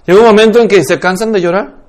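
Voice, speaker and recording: Guy teaching a church parenting class, keeps asking the room questions, pretty high voice. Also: fast talker. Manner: lively, rhetorical questions to audience.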